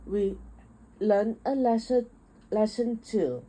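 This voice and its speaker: A woman's voice: mid-range voice, takes it slowly, warm tone, husky, pitched above the performer's own voice, poor audio. A woman voicing a quarrelsome female musician with long hair in a storybook. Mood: remorseful.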